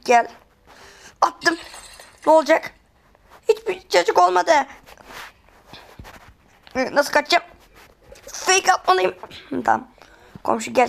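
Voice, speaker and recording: A woman giving excitable let's-play commentary, often pleading and exclaiming while she plays. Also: sits high, creaky. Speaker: gamer.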